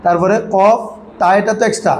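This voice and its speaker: A male Arabic grammar teacher, drilling his students with quick questions in a patient classroom manner. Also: sits high, fairly even intonation, echoey room, a little hiss or hum, low-quality recording.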